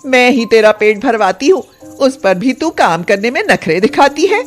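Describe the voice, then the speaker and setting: A woman's voice: a little high, lively intonation, normal speed, soft background music, lightly acted. A woman voicing a cruel middle-aged aunt in a cartoon, insulting and scolding in a harsh voice.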